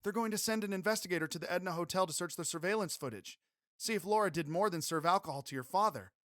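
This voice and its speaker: A man's voice: high voice, fast, a bit bright, dry recording, studio quality, voice pushed up. A man voicing Emmy Jo, an eager young cowgirl. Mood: excited.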